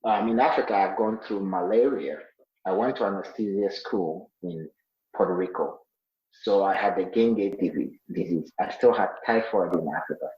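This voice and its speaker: Guy in his 40s, real low voice, talks earnest w lots of uhs, kinda echoey muffled line. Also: moderate pace. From Ghana. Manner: earnest, many fillers and restarts. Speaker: guest, health care worker recovered from illness. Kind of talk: interview, personal account. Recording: roomy, dull sounding line.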